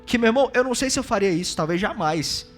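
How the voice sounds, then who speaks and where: A man with a Brazilian accent preaching a sermon as pastor, shifting between loud exclaiming and hushed, intimate asides. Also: high-pitched, animated, quick pace, soft background music. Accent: Brazilian Portuguese.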